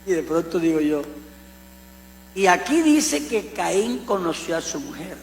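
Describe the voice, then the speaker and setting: Coastal preacher, man, high gravelly voice, echoey hall with hum, animated and joking. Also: measured pace. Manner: animated storytelling with humorous asides. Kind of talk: conversational sermon teaching.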